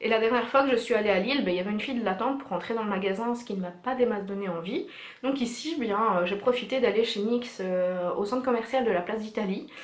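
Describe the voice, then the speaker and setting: A woman's voice: mid-range voice, fast talker. A young woman chatting casually and enthusiastically in a beauty haul vlog, with many fillers. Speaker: beauty vlogger. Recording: echoey room.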